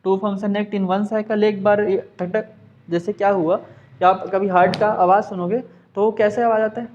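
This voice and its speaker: A man's voice: sits high, level tone, normal speed, darkish tone, dull audio, slight background noise. A man teaching a science class, with a Hindi accent, who asks and answers his own questions and mixes in English terms. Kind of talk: class lesson.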